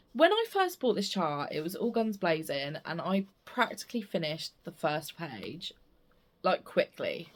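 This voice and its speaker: A British woman vlogs casually about her crafts in a slightly low voice. She rambles and interrupts herself as she goes, and a missing front tooth slightly blurs her speech. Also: a little mellow. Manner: chatty, rambling, self-interrupting. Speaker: stitching vlogger. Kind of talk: casual chat to camera about craft projects.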